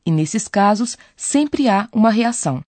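A woman's voice: medium pitch, lively intonation, a little slow, darkish tone, dry recording. A woman co-presenting a scripted radio lesson, posing listeners' questions to the teacher in a conversational way. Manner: inquisitive, conversational.

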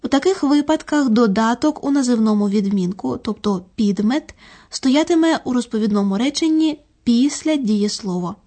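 Female lecturer, mellow tone, slightly high, didactic delivery. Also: animated. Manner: measured, didactic. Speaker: language lecturer. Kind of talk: scripted grammar lecture.

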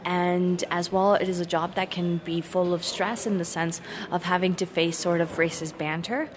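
A woman who is a recruitment director explains her program thoughtfully in an interview. Her voice is on the low side, and she restarts her sentences as she searches for words.

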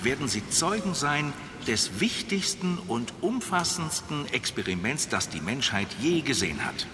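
A man's voice: medium pitch, sing-song, normal speed, sharp tone, in a large hall, slight background noise. A man playing a pompous, formal professor who addresses an audience in an audio drama. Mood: lecturing. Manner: formal, lecturing, then panicked. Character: pompous male professor running an experiment. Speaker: scientist. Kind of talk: audio drama for language learners.

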